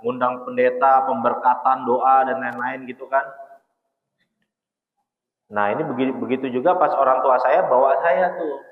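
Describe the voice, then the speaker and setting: A man's voice: medium pitch, steady tone, unhurried, long pauses. A man preaching in a chatty, conversational way, telling his story and speaking straight to the listeners. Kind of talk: storytelling sermon. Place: mosque hall. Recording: echoey hall, dull sound.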